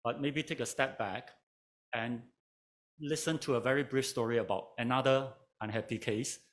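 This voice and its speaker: A man from Malaysia, giving a measured conference talk as a panel speaker, told like a story with touches of dry humor. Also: mid-range voice, steady tone. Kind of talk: conference lecture.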